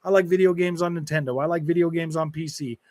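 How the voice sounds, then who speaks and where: Speaking fast in a fairly high, steady, slightly mellow voice with no echo, a man in his early forties chats casually on a gaming livestream. He reads out and answers viewer comments, rambling and repeating himself while calling everyone dude, man and bro.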